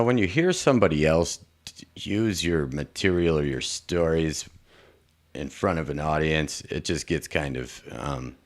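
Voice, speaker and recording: A man from Chicago co-hosting a casual call-in show, easygoing and agreeable, speaking into a studio microphone. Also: very deep voice. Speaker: co-host. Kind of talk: casual radio chat.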